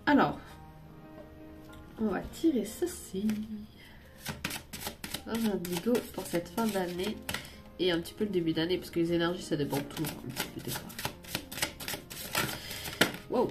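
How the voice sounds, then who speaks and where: A woman lays out oracle cards in a relaxed, slow-paced chat and laughs easily as she goes. She rambles and drops English phrases into her talk. Soft music runs quietly behind her. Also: fairly low pitch. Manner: giggly, rambling, slips into English words. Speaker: tarot and oracle card reader. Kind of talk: casual card-reading video.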